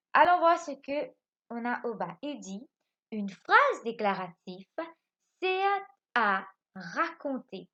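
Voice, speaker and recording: Lively woman teaching a children's lesson. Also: on the high side, dull audio. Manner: lively, repeats points, asks questions and answers them herself. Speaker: primary school French teacher. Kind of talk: recorded home lesson for young children.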